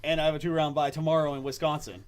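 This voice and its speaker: Man, podcast host, casual chat, slightly high voice, laughs a lot. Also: flat delivery, racing. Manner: storytelling, laughs often.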